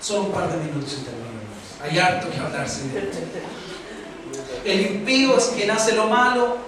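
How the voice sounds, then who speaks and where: Chilean pastor preaching in echoey hall. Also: male voice, high-pitched, moderate pace, recorded from a distance. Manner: animated preaching with rhetorical questions. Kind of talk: sermon. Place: large church hall. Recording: very echoey hall recorded from afar with noise.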